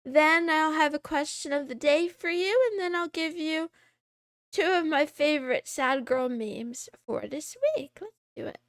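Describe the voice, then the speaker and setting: A woman's voice: high voice, a little slow, no echo, clean studio sound. A woman streamer chatting casually through a voice changer, rambling and laughing often as she talks. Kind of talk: casual chat.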